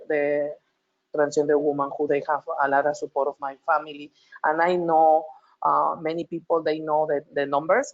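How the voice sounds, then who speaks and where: A woman from Peru with a Peruvian Spanish accent, speaking as a panelist over a video call, halting, with frequent restarts and repeated words. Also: sits low. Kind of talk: panel talk. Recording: dull lo-fi call audio.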